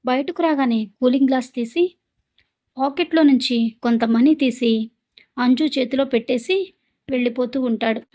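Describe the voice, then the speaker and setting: A woman narrating a scripted drama story in a steady, even storytelling manner. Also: high voice, normal speed, pauses often.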